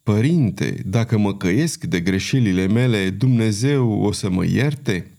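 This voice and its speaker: A man's voice: on the low side, expressive, warm tone, voice pushed down. Man voicing a wheezing dying old queen. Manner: slow wheezing rasp, barely audible. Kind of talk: audiobook character reading.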